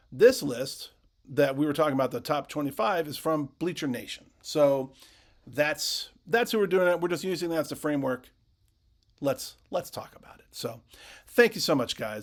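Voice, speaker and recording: A man's voice: on the high side, gravelly. A man hosting a hockey fan channel, talking casually to his viewers, restarting phrases often and reading out comments.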